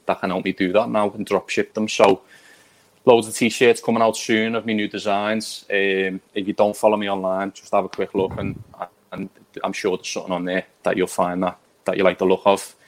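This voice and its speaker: A man with a fairly low voice and very flat intonation talks casually as a podcast guest. He explains things in an unassuming, informal way. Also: brisk. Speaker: podcast guest, print designer. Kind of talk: casual chat.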